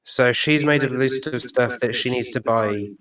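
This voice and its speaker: A laid-back man chats casually on a live stream, his voice at a middle pitch. The mic sits a little away from him, so he sounds slightly distant. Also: normal speed, a bit bright. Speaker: stream host. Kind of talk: casual chat reading posts aloud.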